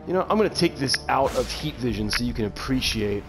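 A man hosting a casual gameplay video, self-deprecating and given to excited outbursts while he plays. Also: mid-range voice, a little fast, music in the background.

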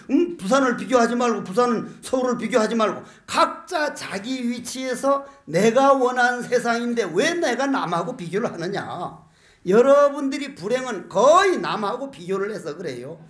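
A man's voice: very high voice, fairly bright tone, reverberant. An older man giving a Buddhist dharma talk as a monk, folksy and joking, full of rhetorical questions. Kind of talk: sermon.

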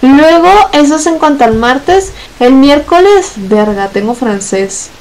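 A young woman with a Mexican accent chatting casually on a stream, blunt and swearing a lot, talking in long rushed runs. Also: high voice, animated, a crowd in the background, rough recording. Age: young adult. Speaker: guest on a gameplay stream. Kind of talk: casual chat.

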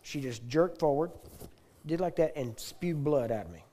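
A man telling a dramatic personal healing testimony as a preacher, with intense storytelling, repeated phrases and loud proclamations. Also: a little high, expressive, moderate pace. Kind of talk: sermon-style personal testimony. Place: teaching hall.

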